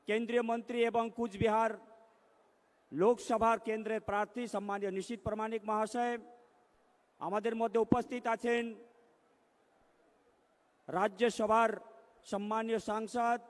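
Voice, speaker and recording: A man giving a declamatory political rally speech from a stage microphone, his words ringing with a long echo from the loudspeakers. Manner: declamatory, rising to loud emphatic declarations. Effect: long booming echo from the rally loudspeakers. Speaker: political candidate addressing a rally. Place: large public rally stage. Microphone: stage microphone through loudspeakers. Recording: long echoing reverb from public-address loudspeakers.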